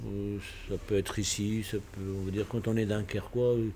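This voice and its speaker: Low-voiced Portuguese-born man in his 60s. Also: level tone, mellow. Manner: reflective, hesitant, halting with restarts. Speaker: interviewee. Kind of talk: casual spoken recollection. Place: bar.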